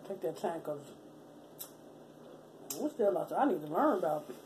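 A woman vlogging casually while eating, talking slowly through a mouth full of mussel with smacking sounds between bites. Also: on the low side, poor audio. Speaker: mukbang YouTuber. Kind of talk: casual eating vlog chat. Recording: steady background noise.

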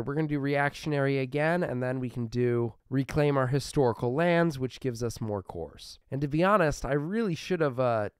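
A man's voice: on the high side, darkish tone, clean tone, no room sound, studio quality. A man hosting a strategy game video, narrating his moves with wry, joking asides to the computer opponents. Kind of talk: gameplay commentary.

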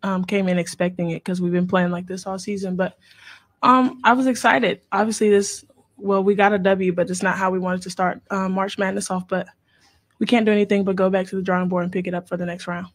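A woman's voice: medium pitch, steady tone, brisk, dry recording. A young woman college basketball player answering questions at a postgame press conference, blunt and matter-of-fact, into a table microphone. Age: young adult.

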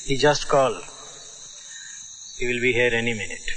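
A man's voice: medium pitch, moderate pace, pushed and bright, a little hiss or hum, natural voice, rough recording. An actor playing a wry, mildly condescending academic man.

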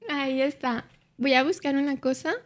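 A woman's voice: high-pitched, steady tone, moderate pace. A young woman streaming live, chatting casually and playfully with her viewers and teasing them back.

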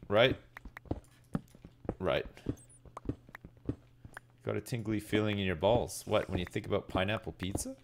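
A middle-aged man with a low-pitched voice chats to viewers while gaming. He rambles in a laid-back way and swears freely. He is close on the mic at a desk indoors, with clear noise and clicking behind him. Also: measured pace, pauses often. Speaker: game streamer. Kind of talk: casual live gaming commentary, chatting with viewers.

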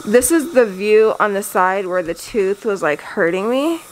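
A woman's voice: medium pitch, expressive, measured pace, a little hiss or hum, low-quality recording. A woman in her thirties chatting casually and nervously to viewers on a handheld camera, candid and talkative. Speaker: family vlogger. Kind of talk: casual vlog chat to viewers. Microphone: handheld camera at arm's length.

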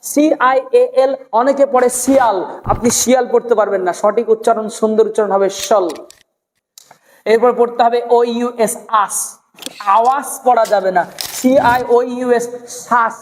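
A woman teaching an English pronunciation class, drilling words slowly and repeating each one, asking the viewer questions as she goes. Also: fairly high pitch, fairly even intonation, a little mellow, big-room sound, slight background noise. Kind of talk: spoken English lesson.

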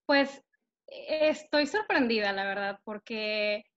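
A young singer-songwriter from northern Mexico, with a northern Mexican accent, chats upbeat as an interview guest over a video call, using lots of fillers. She speaks slowly in a high-ish voice from a bright room at home. Her laptop camera mic gives a lo-fi sound.

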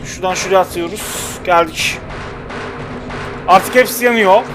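A young man with a high voice talks through a playthrough, muttering and nagging at the characters on screen. Game music plays clearly underneath his commentary. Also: moderate pace. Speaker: gaming channel host. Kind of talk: let's play commentary. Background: game music and sound effects.

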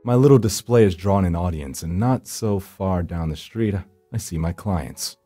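Over faint background music, a man tells a first-person horror tale in a brooding, theatrical visual-novel manner. His voice is fairly low, mellow and dark, at a moderate pace with no room sound.

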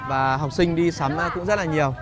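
A man giving a casual walking vlog commentary as a guide, pausing often on fillers as he talks to viewers. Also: on the high side. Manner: hesitant phrasing with frequent filler pauses. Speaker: market vlogger and guide. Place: outdoors in a busy rural street market. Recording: noisy outdoor market street ambience. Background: market bustle and vehicles.

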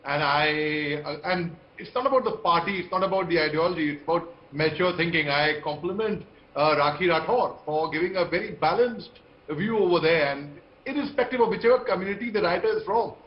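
A man with an Indian accent and a slightly high voice speaks briskly as an army veteran panelist on a TV debate, joining by video call from an indoor room. His commentary is emphatic, impassioned, and repetitive, and the video-call mic makes the audio muffled and echoey.

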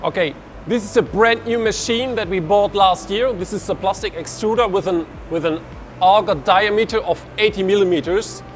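A researcher from Germany speaks at a moderate pace in a high-pitched voice, soft music behind him, as he walks through a large industrial hall indoors. He uses his hands to explain, talks into a lapel mic, and frequently begins sentences again.

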